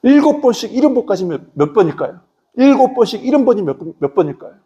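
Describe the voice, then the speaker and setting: A male pastor preaching with a high, lively voice that rises and falls sharply. His tone is dark and mellow. He keeps throwing questions at the congregation. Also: quick pace, muffled recording. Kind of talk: sermon.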